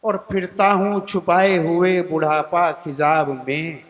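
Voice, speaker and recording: A man in his sixties, a comic poet on stage at a live poetry event, recites humorous verse and tells stories, repeating each couplet line before the punchline. He chats with the crowd as if they were friends. His voice is a little high, his delivery flat, and he takes things slowly.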